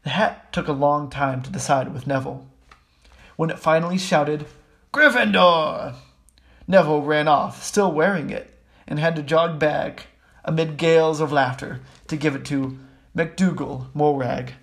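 A man reading a children's book aloud in a steady, even way, with small slips. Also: a little high, normal speed. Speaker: audiobook reader. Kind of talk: storybook reading.

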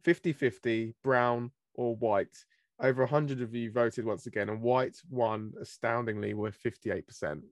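A man's voice: mid-range voice, steady tone, moderate pace, dry recording, clean studio sound. A British man from Britain co-hosting a podcast in casual chat, laughing often as he tells stories. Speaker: podcast co-host.

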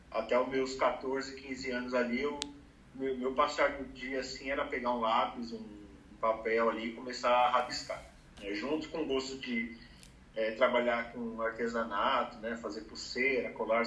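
A man's voice: on the high side, bright, forceful tone, reverberant, recorded from a distance, a little hiss or hum, rough recording. A man in his thirties from Brazil, talking casually about career planning with many fillers. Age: 30s. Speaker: advertising professional giving career advice. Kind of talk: casual conversation.

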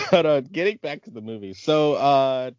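A man's voice: mid-range voice, expressive, moderate pace, a little mellow, no echo. A man hosting a casual podcast chat, joking and laughing often. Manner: joking, laughs often, uses many fillers. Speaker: podcast host. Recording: dull lo-fi sound.

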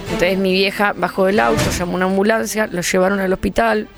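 Fast-talking Rioplatense woman with gravelly fry. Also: mid-range voice, steady tone, over music. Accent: Rioplatense Spanish. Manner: quick storyteller. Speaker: radio co-host. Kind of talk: anecdotal storytelling on air.

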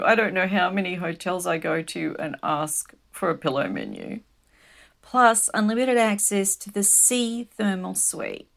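A woman's voice: mid-range voice, creaky. Female travel presenter: middle register, informative yet conversational commentary with personal touches. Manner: conversational, explanatory.

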